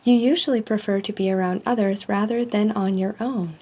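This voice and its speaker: Casting: woman, soft and dark-toned, ASMR customer service role-play, measured survey reading, faint background noise. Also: medium pitch, fairly even intonation. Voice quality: soft, hushed. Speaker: ASMR role-player as call center agent giving a personality survey. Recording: dull lo-fi sound with faint noise.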